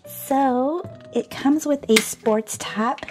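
A woman hosts a toy unboxing video at an indoor tabletop display, cheerfully gushing over each toy, repeating "super awesome" and giggling often. She is under the weather and losing her voice. Her voice sits high and a little mellow, she talks very slowly, and faint music plays behind her.

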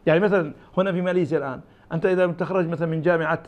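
On a muffled recording, an Iraqi academic guest races through his interview answers at a fairly high, steady pitch. His accent is Iraqi Arabic, and he argues by staging imagined conversations.

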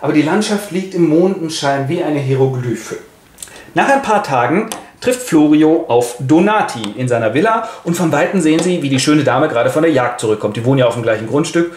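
Wry man narrating casually, fairly high voice. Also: expressive, a little fast, a little hiss or hum. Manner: casual, colloquial, wry asides. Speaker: narrator retelling a classic novella. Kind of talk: comic literature summary. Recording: roomy echo.

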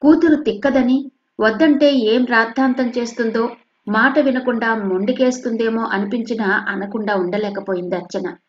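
A woman from coastal Andhra narrates a novel chapter in a steady, measured reading. Her voice sits on the high side. The recording is dull and lo-fi. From coastal Andhra, India. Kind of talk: scripted narration.

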